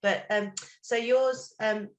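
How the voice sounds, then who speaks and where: A woman's voice: on the high side, fairly even intonation, takes it slowly, low-quality recording. A woman moderating a panel over a video call, thanking guests and asking encouraging questions with some fillers.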